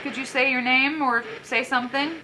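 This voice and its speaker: A high-pitched woman works as a paranormal investigator, speaking directly to spirits. She coaxes them with conversational questions. The location recording is very noisy. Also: steady tone, moderate pace. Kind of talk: addressing spirits aloud during an investigation.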